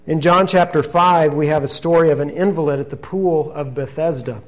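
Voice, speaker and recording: A man preaching a sermon, reading scripture passages in an earnest, steady teaching manner. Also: on the high side, normal speed.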